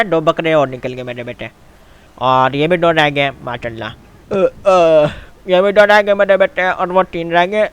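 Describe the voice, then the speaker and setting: A man hosting a game video, chatting casually and excitedly, calling his viewers "my son". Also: a little high, clear, resonant tone. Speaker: gaming channel host. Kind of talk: casual game commentary and role-play.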